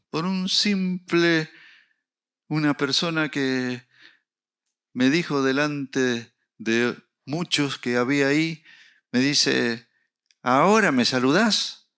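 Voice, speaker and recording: A middle-aged man preaching a sermon, telling a personal story with acted dialogue and rising to loud, emphatic peaks. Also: on the high side, extremely slow, pauses often, clear, resonant tone. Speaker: pastor.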